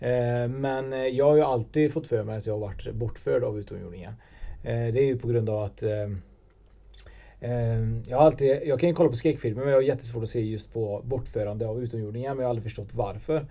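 A man's voice: mid-range voice, warm tone. A man talking casually as a podcast host, telling an anecdote in a loose, chatty way full of fillers. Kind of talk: casual chat.

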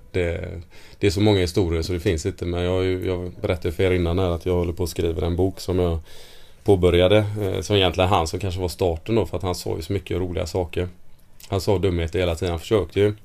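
A man in his thirties, guesting on a casual interview, spins stories about old teammates. His voice sits very low, and he breaks into laughter often as the anecdotes get wilder. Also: creaky, a little mellow. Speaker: football player guest.

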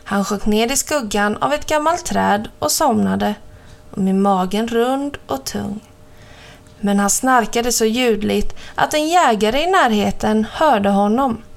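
Female narrator, slightly high, clear storybook reading for children.

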